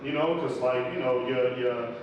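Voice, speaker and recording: A slangy guy from the Bronx, New York, whose first language is Spanish, talks as an entrepreneur guest in a casual interview. His medium-pitched voice moves at a moderate pace, loose and rambling with lots of fillers and street slang. The recording is noisy, with the highs cut off, and he sits far from the mic in an echoey room.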